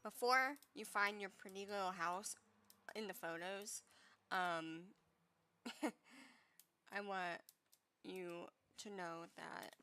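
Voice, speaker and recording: Slow-talking, congested young woman. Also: mid-range voice, sharp tone, clear, resonant tone. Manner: rambling, many fillers, casual swearing. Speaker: gaming vlogger giving advice. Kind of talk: casual chat over gameplay.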